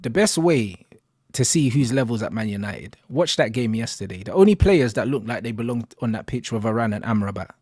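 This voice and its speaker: A man's voice: mid-range voice, animated, fairly quick, a little mellow, husky, dry recording, studio quality. A man with a London roadman accent, ranting casually about football in emphatic, repetitive street slang. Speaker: football fan pundit.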